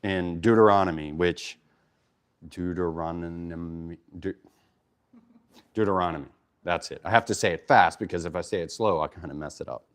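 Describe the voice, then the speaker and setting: A man leads an informal Torah study. He speaks in an easygoing way, pausing to explain Hebrew words, and leaves plenty of fillers and restarts in his talk. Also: low-pitched. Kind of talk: casual Bible teaching.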